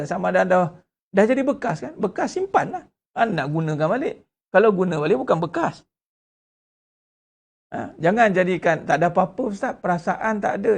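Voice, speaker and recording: Ustaz lelaki bersuara serak, penuh penekanan. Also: male voice, gravelly. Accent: Malaysian Malay. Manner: emphatic, rhetorical questions, lively swings in pitch. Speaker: Islamic religious teacher. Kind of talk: religious lecture.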